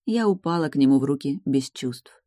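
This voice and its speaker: Low-voiced woman narrating an audiobook. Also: expressive, a little fast, dark tone, no room sound, clean studio sound. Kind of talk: audiobook reading of a fantasy romance.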